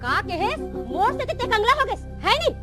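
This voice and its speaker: A very high-pitched woman with a Chhattisgarhi accent bickers and scolds with sarcastic jabs, her pitch swinging widely. Loud music plays under her voice. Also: sing-song, moderate pace. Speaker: comic actress playing a quarrelling wife. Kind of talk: Chhattisgarhi comedy sketch acting.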